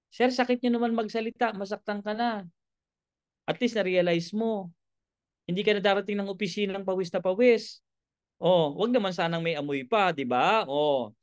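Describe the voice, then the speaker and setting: A man's voice: high-pitched, dry recording, studio quality. A man giving a motivational sales seminar, joking with the room and asking one rhetorical question after another. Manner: lively, joking, keeps asking "bakit?" and "di ba?"; jumps between loud lines and quiet asides. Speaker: business trainer.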